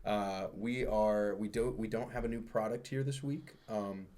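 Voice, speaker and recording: A man's voice: lowish voice, steady tone, measured pace, darkish tone. A man co-hosting a podcast, wisecracking and profane as he reads a sponsor plug in casual banter. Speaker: podcast co-host.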